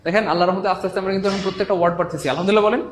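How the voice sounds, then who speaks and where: Fast-talking male grammar teacher. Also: high-pitched, fairly even intonation, noisy background. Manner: quick, repetitive drilling, playful teasing of students. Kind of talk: live online class.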